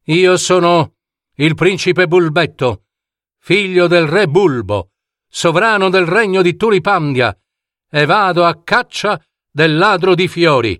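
A man voicing a brave, proud young prince in a storybook tale, eager and quick to shout challenges. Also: high voice, dry recording, studio quality, pitched above the performer's own voice. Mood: defiant.

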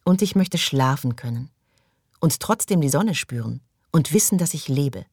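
Audiobook figure: weary man wanting peace, slow and wistful, read by a man. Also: a little high, lively intonation, darkish tone, breathy edge, dry recording, studio quality.

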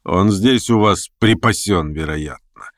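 A man voicing a cold, aloof, contemptuous nobleman in a slow, low, measured way. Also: no room sound, studio quality. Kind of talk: audiobook character reading.

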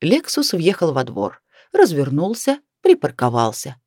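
Low-voiced, expressive woman narrator. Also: unhurried, husky, dry recording, studio quality. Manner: expressive storytelling. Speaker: audiobook narrator. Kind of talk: scripted narration.

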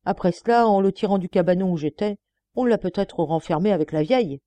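Woman reading sly male murder suspect, mocking, defiant, mellow dry voice. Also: mid-range voice, fairly quick, no echo, natural voice. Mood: ironic. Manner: mocking, then indignant pleading.

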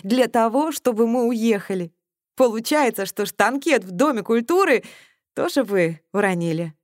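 Смелая молодая женщина-сыщица, говорит обвиняюще и напористо, её читает чтица. Аудиокнига, сухой близкий звук. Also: female voice, on the high side, animated, moderate pace, no echo, studio quality, pitched above the performer's own voice, close to an everyday voice. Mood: accusing. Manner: accusing, then shaky. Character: young woman amateur sleuth, bold but frightened.

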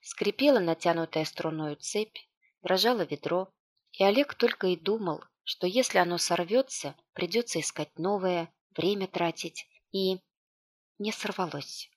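A woman reading an audiobook aloud, with a hushed, tense delivery and light character voicing. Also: fairly low pitch, unhurried. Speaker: audiobook narrator.

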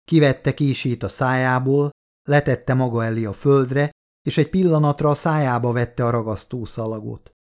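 Male audiobook narrator, mid-pitched voice, steady and measured delivery for dark horror prose.

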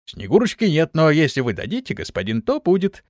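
A man's voice: on the high side, wildly swooping pitch, fairly quick, vocal fry, no echo, studio quality, exaggerated voice. A man voicing a polite male orc steward who speaks formally and deferentially.

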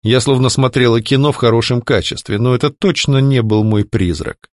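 A man reading a first-person fantasy novel aloud, in an expressive storytelling manner. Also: medium pitch, fairly quick, dry recording, studio quality. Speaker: audiobook reader.

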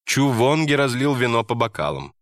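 A male audiobook narrator reading a story in an even, measured way. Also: mid-range voice, dry recording, studio quality. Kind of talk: scripted narration.

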